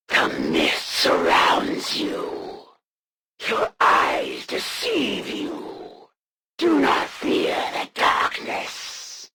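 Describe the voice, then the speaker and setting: A haughty alien assassin from a video game, zealous and menacing. Her delivery is slow and imperious, with a heavy gravelly rasp and wildly swooping theatrical pitch. Noticeable ambience sits behind the voice. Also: noisy background, exaggerated voice. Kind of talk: dramatic video game villain voice lines.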